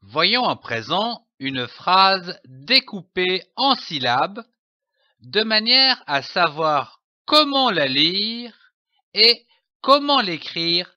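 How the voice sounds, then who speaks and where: A man teaching a recorded phonics lesson as a reading teacher, spelling out letters and syllables slowly and deliberately. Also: sits high, pushed and bright, no room sound, highs cut off.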